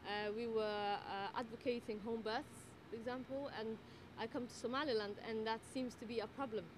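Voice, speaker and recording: A Dutch midwife and tutor answers interview questions thoughtfully, with many fillers and pauses. Her voice sits on the high side with fairly even intonation, and there is noisy ambience in the background.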